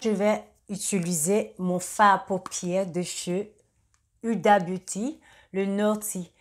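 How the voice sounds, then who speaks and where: A young woman talking through a makeup tutorial in a casual, halting way, with many fillers and restarts. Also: mid-range voice, steady tone, soft background music. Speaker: beauty vlogger.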